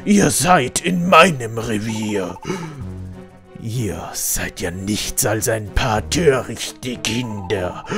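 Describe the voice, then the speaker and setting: A man voicing a greedy, threatening male Pokémon who rules a mine, speaking slowly and menacingly. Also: medium pitch, creaky, heavily acted. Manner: slow, drawn-out threatening delivery.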